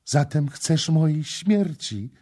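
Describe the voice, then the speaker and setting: A man's voice: on the low side, animated, slow pace, mellow, breathy edge, voice pushed up, full character voice. A man reading the part of a young priestess in an audiobook, tearful and pleading.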